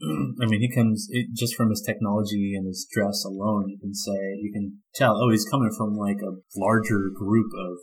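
Husky-voiced man chatting about movies. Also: lowish voice, fairly even intonation, moderate pace, hardly any pauses, rough recording. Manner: enthusiastic, chatty, laughs often. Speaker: podcast host. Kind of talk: casual podcast chat about a movie.

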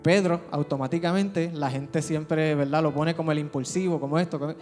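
A man's voice: fairly high pitch, steady tone, fairly quick, darkish tone. Man preaching a sermon in a church hall. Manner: emphatic preaching with rhetorical questions. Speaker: pastor. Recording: church hall reverb with music.

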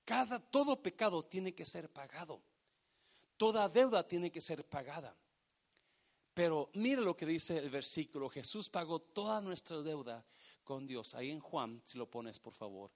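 A man preaching a sermon, swinging from hushed, drawn-out phrases to loud, emphatic bursts. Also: a little high, expressive. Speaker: pastor.

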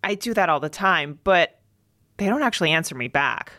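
A woman playing a sharp-tongued female detective with a snappy, dry wit. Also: on the low side, expressive, normal speed, dry recording.

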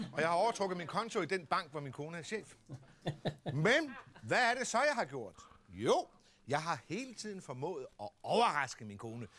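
A man's voice: high voice, sharp tone, exaggerated voice. An actor playing a lazy, joking middle-aged postman in a 1990s sitcom, wry and boastful. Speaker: sitcom character.

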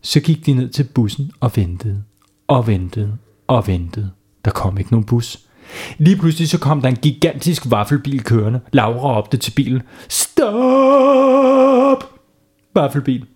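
A man's voice: mid-range voice, dark tone, husky. A man telling a bedtime story to children in a playful way, stopping to ask them questions.

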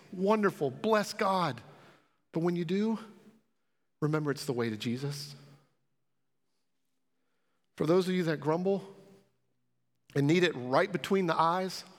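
Slow, earnest male preacher in a reverberant hall. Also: a little high. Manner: earnest, pleading questions to the congregation. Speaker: pastor. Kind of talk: sermon.

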